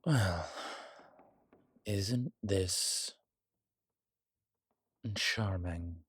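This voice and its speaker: With a deep, exaggerated voice that's husky and breathy yet fairly bright, a male actor portrays a suave incubus demon in an intimate audio roleplay. He speaks in a wry, teasing, polished and deliberate way. The overall mood is teasing and dry.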